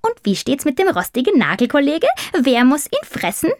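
A woman voicing a grumpy, know-it-all male raven who talks in a croaky, curt and sarcastic way. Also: high-pitched, huge pitch swings, normal speed, a little mellow, dry recording, clean studio sound, pitched above the performer's own voice. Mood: smug. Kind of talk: audiobook character voice.

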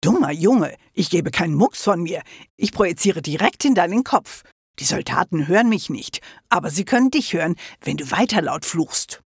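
A man's voice: high-pitched, animated, normal speed, slightly rough, no echo, clean studio sound. Man voicing Merlin, smug wizard hologram. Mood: mocking. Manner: condescending, lecturing. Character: ancient male wizard hologram, smug, mocking.

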